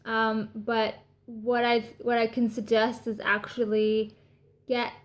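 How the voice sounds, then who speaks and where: A woman's voice: on the high side, little pitch movement, slow. A woman with a Canadian accent giving casual, chatty advice in a vlog, speaking informally. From British Columbia, Canada. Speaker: vlogger sharing recovery tips.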